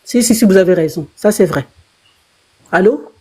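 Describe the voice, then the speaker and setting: A woman on a live panel, pleading in a hurried way and cutting in as she asks for her turn. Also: medium pitch, expressive, warm tone, breathy edge.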